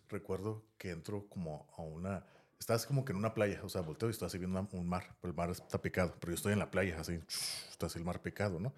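A man's voice: low voice, darkish tone, husky. A man with a Mexican accent telling a story in casual podcast chat, rambling and tagging his sentences with "¿no?". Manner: rambling, tags sentences with "¿no?" and "así". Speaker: podcast host.

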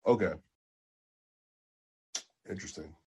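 A man co-hosting a podcast, chatting casually about basketball transfers with animated jumps in excitement. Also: slow, a little hiss or hum. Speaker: podcast co-host. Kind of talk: casual sports chat.

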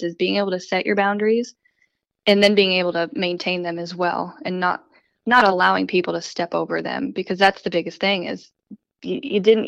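A woman guest in a podcast interview, telling stories in a lively way and acting out what people said. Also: medium pitch, no echo, muffled recording. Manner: animated storytelling, acts out quotes. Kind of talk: casual interview chat.

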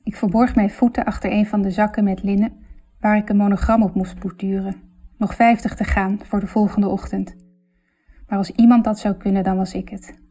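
A woman reads literary fiction aloud in a reflective, intimate manner. Her voice is warm and mellow, and her delivery is measured. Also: mid-range voice, little pitch movement. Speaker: narrator. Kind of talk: literary audiobook narration.

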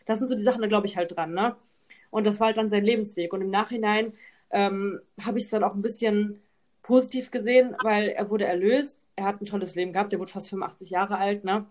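A woman's voice: mid-range voice, fairly even intonation, a little fast, a little mellow. A young woman chatting casually on a podcast, often checking in with "ne?" at the end of her phrases. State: tearful at times. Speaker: podcast co-host.

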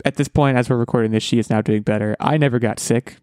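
A man's voice: mid-range voice, steady tone, fast, darkish tone, clear, resonant tone, no room sound. A man hosting a podcast in casual chat, rambling and joking with lots of fillers and restarts. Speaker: podcast host.

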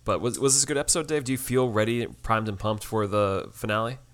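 A man's voice: on the low side, fast talker, fairly bright tone. A man co-hosting a podcast in easygoing casual chat about a TV episode, often tossing in "man" and laughing. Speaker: podcast co-host.

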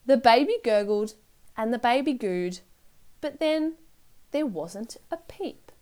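A woman reading a children's picture book aloud in a lively, sing-song storytelling manner. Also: fairly high pitch, slow pace. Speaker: storybook reader.

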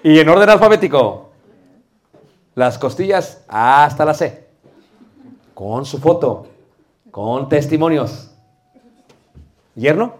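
A man's voice: fairly high pitch, slow pace, pauses often. Playful man teaching preachers. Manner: lively, playful, addresses listeners as brothers. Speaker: preaching instructor. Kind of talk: homiletics class in church, joking and preaching.

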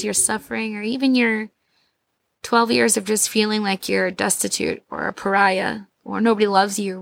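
Woman with a thick, swollen-throat, creaky voice. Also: medium pitch, fairly bright tone, no room sound. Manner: chatty, slangy, addressing listeners as girls and guys. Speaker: host of a faith podcast. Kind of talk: casual devotional talk to listeners.

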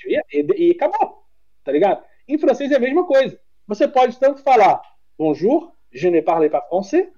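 Here a Brazilian podcast guest talks at normal speed, his voice sitting high and the audio dull. With his Brazilian Portuguese accent, he chats casually, bluntly and with plenty of swearing, spinning stories animatedly.

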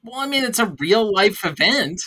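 A man's voice: sits high, expressive, normal speed, sharp tone, breathy edge. A man hosting a casual film podcast, running through scenes and stammering at times. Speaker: podcast host.

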